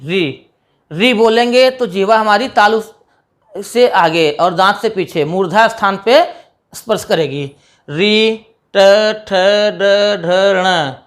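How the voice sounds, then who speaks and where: A woman teaching a grammar lesson as a voice-over for slides, with a voice of average pitch. She speaks with patience and sounds each letter out on its own. Then she poses a question and answers it herself, the way a teacher does with children. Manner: patient, demonstrates sounds aloud one by one.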